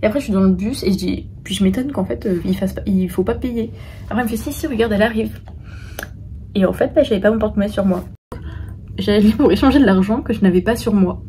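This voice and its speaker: A woman's voice: mid-range voice, fast, dark tone. Chatty young woman vlogging over street noise. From France. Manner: chatty, informal, lots of hesitations. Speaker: travel vlogger. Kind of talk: casual travel vlog talk to camera. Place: outdoors and in small rooms and cafés in a busy city.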